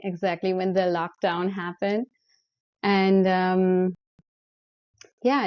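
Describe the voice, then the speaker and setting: A woman in her thirties from Germany with a German accent, answering interview questions in a hesitant way with many pauses. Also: fairly low pitch, no room sound, dull audio. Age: 30s. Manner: hesitant, many ums and uhs. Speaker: photographer guest.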